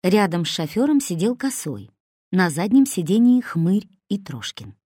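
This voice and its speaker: A woman narrating a story, reading aloud in a lively, expressive way. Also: lowish voice, unhurried, slightly rough, no echo, studio quality.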